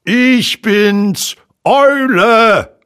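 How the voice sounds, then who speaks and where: A man doing a loud, calling owl. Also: high-pitched, extremely slow, clear, resonant tone, pitched above the performer's own voice, full character voice. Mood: friendly. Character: helpful male owl calling from above.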